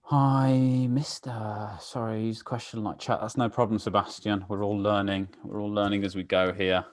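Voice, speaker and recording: A man's voice: fairly low pitch, flat delivery, normal speed, no room sound. A man hosting a live online meetup, chatty and full of fillers, greeting viewers by name over a video call. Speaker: webinar host. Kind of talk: casual live-stream chat.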